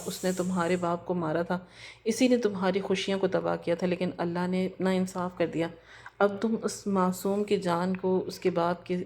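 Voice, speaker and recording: A woman's voice: lowish voice, darkish tone, close to an everyday voice. Woman reading a stern older mother. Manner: scolding, firm. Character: stern older mother scolding her daughter.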